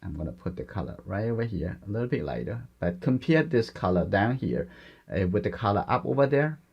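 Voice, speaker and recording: Gentle, low gravelly male painting instructor. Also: very animated, fairly quick, dull audio. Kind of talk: step-by-step painting demonstration, unscripted.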